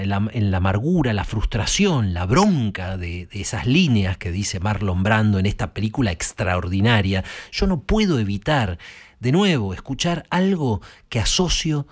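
A man with an Argentine accent hosting a talk and addressing listeners in a conversational, emphatic way. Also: lowish voice. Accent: Argentine Spanish. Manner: conversational, emphatic, with many fillers and tag questions. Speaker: host discussing film and rock. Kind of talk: reflective spoken commentary to listeners.

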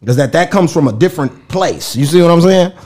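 A man's voice: fairly high pitch, expressive, fairly quick, a little mellow. A man hosting a live podcast, telling stories in a loose, profane, joking way. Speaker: podcast host. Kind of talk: casual live-streamed podcast chat.

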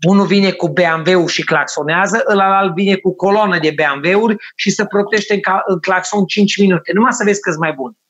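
A man with a noticeably high speaking voice who tells stories in a lively, animated way. He drops into little impressions of the people in his anecdotes during a relaxed group chat. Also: few pauses, lo-fi sound. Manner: animated, tells stories and acts out what others said. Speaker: storyteller on a talk panel. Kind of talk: casual chat.

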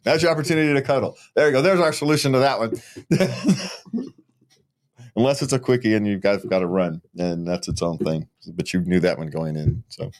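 In a casual podcast chat, an older male co-host jokes around, stays relaxed and laughs a lot. His voice is on the low side, and he talks fast with few pauses.

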